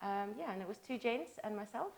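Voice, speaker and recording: A woman's voice: mid-range voice, animated, fairly quick, darkish tone. A young woman from South Africa, a sommelier, answering interview questions hesitantly with many fillers. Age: young adult.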